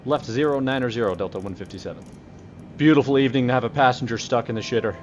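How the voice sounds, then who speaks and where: A man playing an airline pilot over a cockpit headset mic, making radio calls and narrating in a brisk, dry, joking way with casual swearing. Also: mid-range voice, a little hiss or hum. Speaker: flight simulator streamer playing airline pilot.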